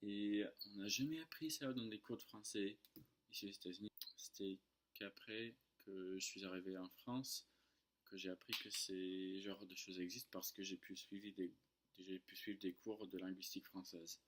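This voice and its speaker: A man's voice: low-pitched, steady tone, moderate pace, fairly bright tone, a little hiss or hum. An American man, a native English speaker, tells things casually in non-native French, hesitating and making small grammar slips. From United States. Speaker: French tutor and online video creator. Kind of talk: casual storytelling to camera.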